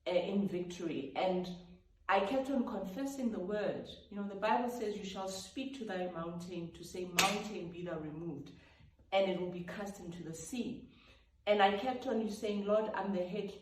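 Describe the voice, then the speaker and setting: A gospel singer-songwriter whose first language is Sotho tells the story behind her song in a reflective, casual way, breaking into sung snippets and vocal sounds. Her mid-range voice has a darkish tone and a moderate pace, captured in an echoey room with the mic at a distance.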